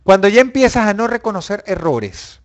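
Lively, profane man. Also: sits high, normal speed. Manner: animated, profane, bursts into shouts. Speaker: online show host. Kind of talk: casual live chat with viewers.

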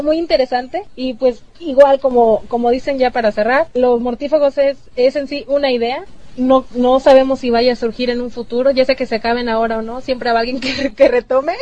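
A woman's voice: high-pitched, dark tone. A woman co-hosting a fan podcast, wrapping up a debate in a hesitant, chatty way. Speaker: podcast co-host. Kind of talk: casual chat. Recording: muffled lo-fi with faint noise.

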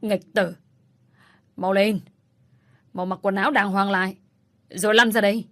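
A woman reading an audiobook voices a stern old man who scolds in harsh shouts. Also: mid-range voice, steady tone, rapid-fire, lightly acted. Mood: angry scolding.

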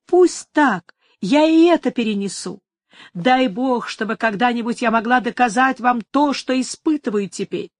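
A woman's voice: fairly high pitch, no echo, clean studio sound. A woman reading a trembling young countess. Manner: trembling, imploring. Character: anguished young countess in love. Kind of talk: dramatic audiobook reading.

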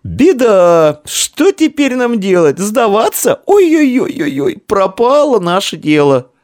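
A man's voice: very high voice, level tone, normal speed, creaky, mellow, pitched above the performer's own voice. A man voicing a snub-nosed boy who panics and wails. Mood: panicked. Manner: wailing, panicky.

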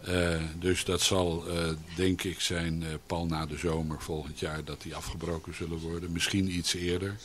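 A man answering questions on a local radio show as a municipal official, speaking haltingly with many pauses and restarts. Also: sits low, little pitch movement, a bit bright, slight background noise. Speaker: local alderman as radio guest.

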